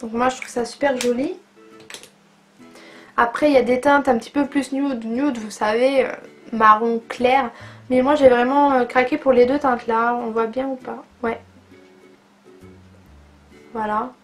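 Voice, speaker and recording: A woman with a high voice talks through her favourite makeup products in a casual beauty vlog. She sounds chatty and eager and fills her speech with little hesitations. Soft music plays faintly behind her. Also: steady tone, unhurried, pauses often. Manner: chatty and enthusiastic, with frequent fillers. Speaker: beauty vlogger.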